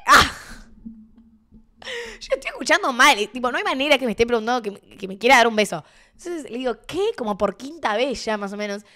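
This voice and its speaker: A woman's voice: on the high side, big pitch swings, a little fast, sharp tone. A young woman with a Rioplatense Spanish accent, chatting casually with her stream viewers and telling a story with laughter and sudden exclamations.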